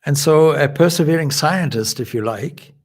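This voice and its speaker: A man from Zimbabwe, a swami, giving a measured, explanatory spiritual lecture. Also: on the high side. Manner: measured, explanatory, with occasional restarts.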